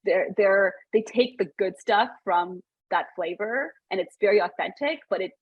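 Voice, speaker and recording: A woman in her thirties, born in Sri Lanka and raised in Canada, chats casually as a podcast guest about founding her business, with many fillers and restarts. Her mid-range voice is slightly rough and moves at a normal speed. The sound is phone-quality with no room sound.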